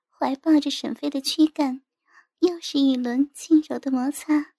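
Woman reading a story out, steady and even, high voice, dry close mic. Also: creaky, no echo. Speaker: narrator. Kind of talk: scripted narration.

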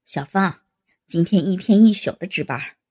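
A woman voicing a brash, crude, teasing young man in a storybook reading, with a husky, gravelly lowered voice and loud, fast bursts. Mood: casual. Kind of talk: storybook character voice.

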